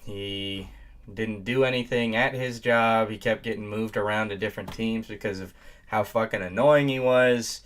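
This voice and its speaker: A man's voice: on the low side, fairly even intonation, normal speed, fairly bright tone. A man hosting a casual reaction commentary, crude and mocking, laughing often into a desk microphone. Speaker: host reacting to a video. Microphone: home desk microphone.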